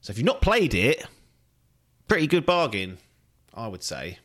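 A man's voice: medium pitch, wildly swooping pitch, moderate pace, fairly bright tone. A man hosting a podcast in casual chat, rambling and chatty and swearing freely. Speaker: podcast host.

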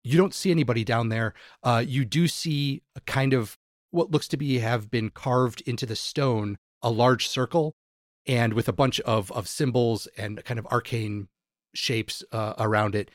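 A man's voice: medium pitch, measured pace, no room sound, studio quality. A man narrating a tabletop game as game master, describing scenes and stammering a little when he restarts.

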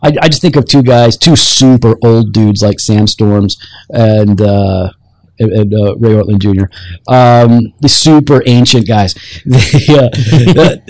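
A man's voice: fairly low pitch, unhurried, a little mellow, dry recording. Guy cohosting a church-y podcast, rambly and teasing, dry close sound. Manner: teasing, rambling with many restarts. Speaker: podcast co-host. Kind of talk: casual faith podcast chat.

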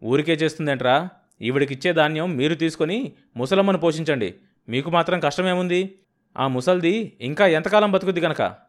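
A hot-tempered, stingy village farmer in an audiobook, as a male narrator puts him on. He talks loud and brusque, with a voice pitched up above the reader's own. Every line comes out as a blustering complaint. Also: fairly quick, close to an everyday voice.

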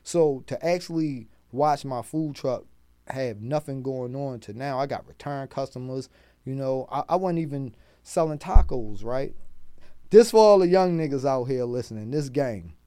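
A man with a Baltimore accent, a podcast guest telling street-smart stories in a casual, profane, animated way. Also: mid-range voice, normal speed, dry recording. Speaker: guest, rapper and food truck owner.

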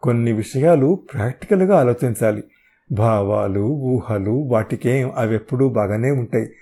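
A man reading the lines of a calm, practical young woman in a novel audiobook, in his own mellow voice. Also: medium pitch, moderate pace, husky.

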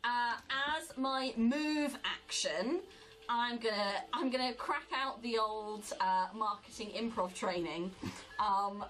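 A woman with a British accent, a player in a tabletop game, chatty and quick to correct herself as she explains her moves. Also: fairly high pitch, a bit bright, poor audio. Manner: chatty, laughs often, quick to self-correct. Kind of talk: tabletop game play, casual.

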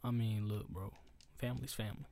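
A man's voice: on the low side, steady tone, a little fast, gravelly, dark tone, dry recording. A young man in casual banter, giving blunt opinions in slang with emphatic swearing. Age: young adult.

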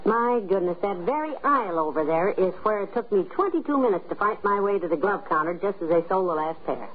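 A woman plays a folksy, peacemaking wife in a vintage radio comedy. Her mid-pitched voice gently scolds, heard on a noisy, tinny old recording. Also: animated, brisk, natural voice. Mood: chatty, wry.

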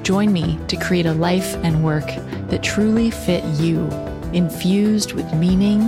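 A woman's voice: fairly low pitch, measured pace, over loud music. A woman hosting a podcast, reading a scripted introduction. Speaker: podcast host.

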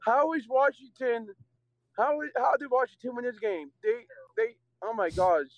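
A man heard over a phone line, his voice high and lifted, muffled and dull in tone. The sound is dry and close, with none of the room around him. He talks in an excited, upbeat way, as a caller would to a show. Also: moderate pace, no echo. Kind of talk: casual chat. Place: in a car.

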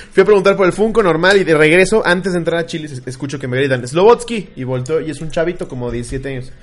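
Animated Mexican man telling a story. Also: fairly high pitch, quick pace. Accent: Mexican Spanish. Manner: animated, profane, acts out voices in his story. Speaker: podcast co-host. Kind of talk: casual storytelling.

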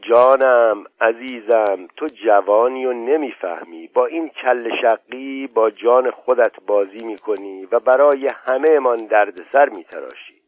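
A man's voice: mid-range voice, natural voice. A man voicing an older landowner who coaxes and placates his younger brother. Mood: coaxing. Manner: coaxing, persuasive. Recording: dull, dry lo-fi audio.

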